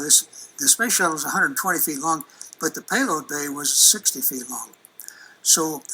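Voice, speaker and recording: Older man with a sharp, bright voice. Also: fairly high pitch, breathy edge, poor audio. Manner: folksy, conversational, many restarts. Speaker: aerospace engineer giving a lecture. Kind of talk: presentation with slides and video clips.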